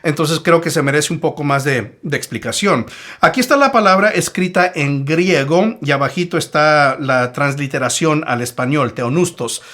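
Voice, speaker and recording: A man's voice: a little high, expressive, moderate pace, fairly bright tone. A man giving a Bible teaching video, explaining a Greek word step by step and repeating his main points with emphasis.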